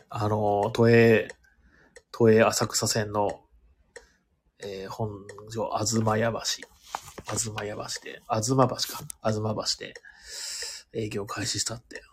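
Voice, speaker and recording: A man hosting a casual live audio stream, chatting loosely with lots of fillers and reading listener comments, his voice hoarse and fading. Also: on the low side, little pitch movement, takes it slowly, a little hiss or hum. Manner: rambling and chatty, many fillers, talks to himself. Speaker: live audio stream host, board game venue owner.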